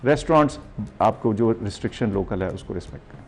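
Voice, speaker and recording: A man with a Pakistani accent speaks in a calm, explanatory way, answering an interviewer's questions. His voice has a gravelly edge. A faint hiss sits behind him. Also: on the low side. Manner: measured, polite, explanatory. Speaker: health official guest.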